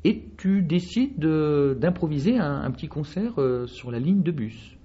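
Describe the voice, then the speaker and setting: A man hosting a radio interview, asking questions with animated emphasis. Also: on the high side, unhurried, slightly rough, muffled recording. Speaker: radio host.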